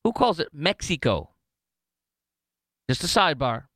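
An American-accented talk radio host goes unscripted with live ad reads, emphatic, opinionated and jokey, often slipping into digressions. His voice is a little high and sing-song, fairly bright, and a little slow, with no echo.

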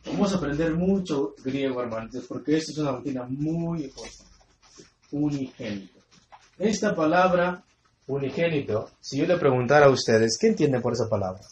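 A man's voice: mid-range voice, expressive, moderate pace, slight background noise. A man teaching a Bible study sermon to a congregation, emphatic and repeating key words, quizzing listeners with fill-in-the-blank questions. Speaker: preacher. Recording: echoey room sound.

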